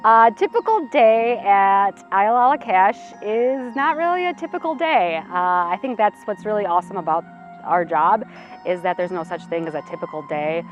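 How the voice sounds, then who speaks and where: A woman in her thirties from Illinois, who works as a museum program coordinator, answers interview questions at a medium pitch and normal pace. She sounds earnest and reflective, saying "uh" and "um" often. The audio is slightly muffled, with faint music in the background.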